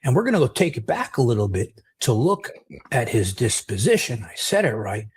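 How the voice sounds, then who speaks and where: Animated, cursing stream host, a man. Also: medium pitch, a little fast, slightly rough. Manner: animated, profane storytelling. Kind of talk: commentary on a played clip.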